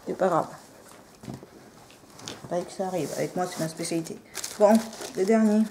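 A woman casually showing off nail polish on camera, soft-spoken and apologetic, often dropping into near-whispers. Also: lowish voice, moderate pace, a little hiss or hum. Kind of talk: casual show-and-tell.

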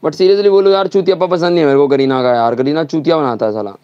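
A young male game streamer rants angrily at the screen, swearing freely through a slightly sore throat. His voice sits on the high side. The sound is dull and dry, like a cheap mic close in a small room. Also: fast talker, clean tone, no room sound. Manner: angry, swearing, ranting. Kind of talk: live gaming stream chat.

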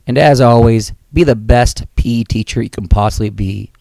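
A man hosting a physical education channel, explaining the rules of a game step by step in a clear voice-over. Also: medium pitch, normal speed. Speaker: PE teacher and channel host. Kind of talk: instructional voice-over.

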